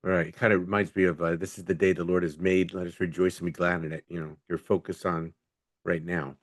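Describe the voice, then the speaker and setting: A man hosting a music interview, asking relaxed questions and giving brief affirmations. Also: low-pitched, brisk, no room sound, studio quality. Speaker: interview host.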